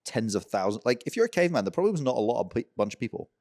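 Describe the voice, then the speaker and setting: A man's voice: medium pitch, big pitch swings, racing, darkish tone. A man co-hosting a podcast, riffing jokily in loose, casual chat. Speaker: podcast co-host.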